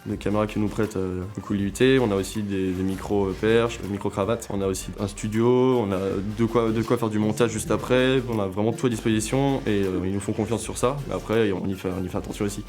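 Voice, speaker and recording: A young man, a student, talks about the school's equipment, speaking quickly with many fillers. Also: on the low side, steady tone, a little mellow, soft background music. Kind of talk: testimonial interview.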